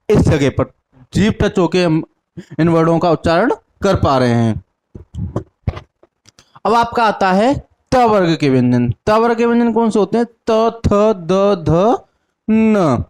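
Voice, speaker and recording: A young man with a north Indian Hindi accent teaches at an unhurried pace, with a fairly high pitch. He sounds out each syllable in turn and fires questions that he answers himself, repeating each answer. He often stops to correct himself mid-sentence. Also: a little mellow. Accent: Hindi-speaking north Indian. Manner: sounds out syllables slowly one by one. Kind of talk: classroom lesson with call-and-response drills.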